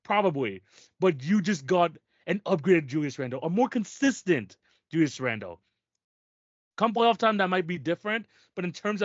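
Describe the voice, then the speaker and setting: A man's voice: fairly high pitch, no echo, highs cut off. A man co-hosting a sports podcast, talking in casual chat with emphatic, restarting sentences. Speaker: podcast co-host.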